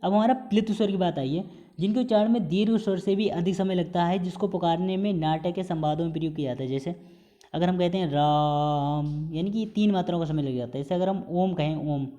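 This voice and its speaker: A man with a mellow, warm voice gives a recorded exam-prep lesson. He explains each point patiently and stretches out sounds to demonstrate pronunciation, slipping English terms in among his explanations. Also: high-pitched, fast talker. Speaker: Hindi teacher.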